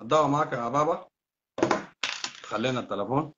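Fiery fast-talking Sudanese man. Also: mid-range voice, background noise. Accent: Sudanese Arabic. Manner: fast, heated, insulting, repetitive. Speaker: live-stream host. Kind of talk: heated political live-stream rant. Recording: dull lo-fi sound.

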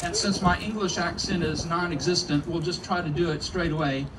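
A man's voice: fairly high pitch, steady tone. Texan man speaking from a distance. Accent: Texas. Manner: folksy, halting, with restarts. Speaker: city mayor. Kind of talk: formal ceremony speech. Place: event at a corporate headquarters. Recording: distant mic with clear background noise.

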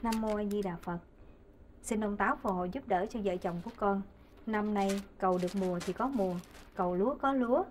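An actress playing a nagging, devout housewife in a stage comedy sketch. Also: female voice, mid-range voice, a little fast, slight background noise, lightly acted. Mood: praying. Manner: nagging, then hushed prayerful murmur.

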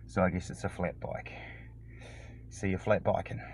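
Low-voiced man with broad Kiwi accent, noisy recording. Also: steady tone, normal speed. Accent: broad New Zealand. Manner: laconic, slangy, sweary. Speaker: vlogger. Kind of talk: casual phone vlog chat. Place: mostly outdoors, some in a car. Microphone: handheld phone at arm's length. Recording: wind and traffic noise on phone mic.

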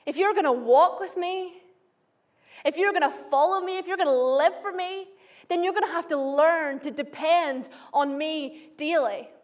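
A woman preaching a sermon in slow, deliberate phrases, often repeating a line for emphasis. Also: very high-pitched. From Australia.

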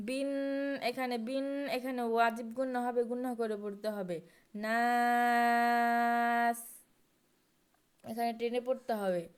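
A woman who speaks Bengali natively, teaching Quran recitation by sounding out letters and vowel marks, drawing out the recited words slowly and adding quick spoken explanations. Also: on the high side, steady tone, a little mellow, smooth.

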